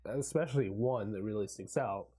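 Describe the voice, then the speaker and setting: Excitable man chatting about a movie. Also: lowish voice, normal speed, breathy edge. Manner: excitable, swears, laughs often, quotes lines. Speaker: podcast co-host. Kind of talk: casual movie review chat.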